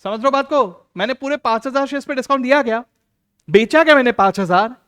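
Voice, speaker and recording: A man teaching an accounts lesson, acting out teacher and student and slowing down to stress key rules. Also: extremely high pitch, clear, resonant tone. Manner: lively, plays both teacher and student in little dialogues. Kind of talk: classroom lecture.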